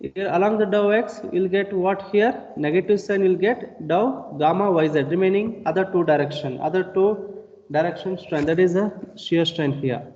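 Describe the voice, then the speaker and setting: Male lecturer, high voice, repetitive explanations, muffled call audio in a reverberant room. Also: normal speed, a little mellow. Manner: repetitive explanatory teaching, asks rhetorical questions. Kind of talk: online engineering lecture. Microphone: video call.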